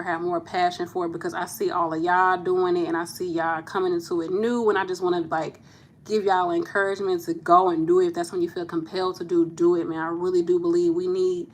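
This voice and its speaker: A woman's voice: fairly low pitch, steady tone, a little fast, a bit bright. A woman in her thirties, a nurse hosting a casual live chat with viewers, talking candidly and laughing easily. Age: 30s. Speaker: nurse and channel host.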